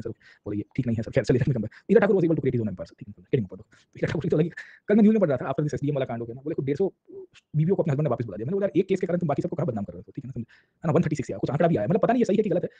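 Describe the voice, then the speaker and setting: A man's voice: medium pitch, warm tone, slightly rough, no echo, highs cut off. A man teaching a history class for exam preparation, switching between Hindi and English and checking in with "samjhe?" after almost every point. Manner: tags nearly every sentence with "samjhe?" and "sir, theek hai na"; acts out little anecdotes with quoted voices. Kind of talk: exam-prep lecture mixing Hindi and English.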